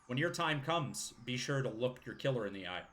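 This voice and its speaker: A man's voice: mid-range voice, expressive, a little fast, fairly bright tone, natural voice. A man with a scratchy throat voicing a solemn, grave old man from a video game.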